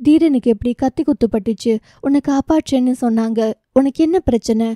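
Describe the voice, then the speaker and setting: An elderly grandmother, anxious and weighed down by guilt, presses worried questions in an audiobook novel, as a woman reader puts her on. The voice is mellow and dark, set fairly high, and sounds close and dry. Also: fairly quick, no room sound, natural voice.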